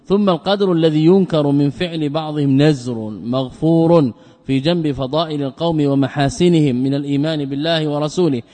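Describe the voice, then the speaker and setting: A man's voice: a little high, fairly even intonation, fairly quick, mellow, long reverb tail. A man, a scholar, giving a religious lesson, reading quoted passages aloud and then explaining them, often repeating key phrases. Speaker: Islamic scholar teaching a text. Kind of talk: recorded religious lesson, explaining a text line by line.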